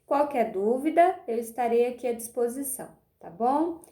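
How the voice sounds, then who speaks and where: A woman's voice: a little high, expressive, mellow, roomy sound. A woman teacher gives a remote lesson to young pupils, stretching her words and checking in often. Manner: patient, drawn-out words, often asks "tá bom?". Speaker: primary school teacher.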